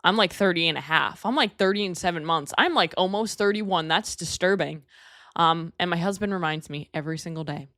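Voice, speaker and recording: A woman in her thirties from New York talks through her own podcast in a low, candid voice, chatty and a little self-deprecating. The sound is dry and close, with no room behind it. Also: brisk, a bit bright, no room sound. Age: 30s. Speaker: podcast host. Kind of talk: solo podcast talk.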